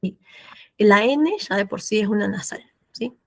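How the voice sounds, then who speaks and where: Argentine lady teaching french class, slow and patient, gravelly edge, dry sound. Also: mid-range voice, dry recording. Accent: Argentine Spanish. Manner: patient, repeats words slowly, asks "¿sí?" often. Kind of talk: classroom explanation of pronunciation.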